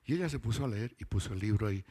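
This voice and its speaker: A man's voice: fairly low pitch, expressive, mellow, a little hiss or hum. A man preaching a testimony sermon at a church meeting, telling stories and drawing out words for emphasis. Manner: storytelling, drawn-out emphatic words. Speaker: lay preacher giving testimony.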